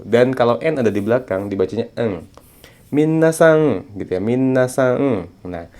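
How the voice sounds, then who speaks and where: A man giving a casual video language lesson, chatty and friendly, slowing down to spell out sounds syllable by syllable. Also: fairly low pitch, warm tone. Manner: chatty, repeats a friendly term of address, slows down to spell out sounds. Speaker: Japanese language teacher.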